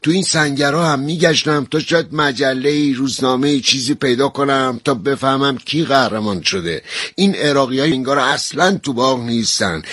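A man voicing an excitable young male soldier obsessed with football, talking in loud, excited bursts. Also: medium pitch, no room sound, clean studio sound, pitched above the performer's own voice, natural voice.

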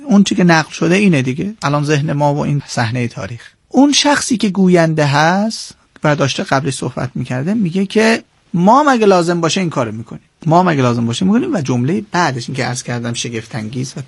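A man as a radio guest, telling a historical episode in an animated storytelling way and quoting people in shifting tones. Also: on the high side, gravelly, slightly rough, dry recording. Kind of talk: radio interview, explaining history.

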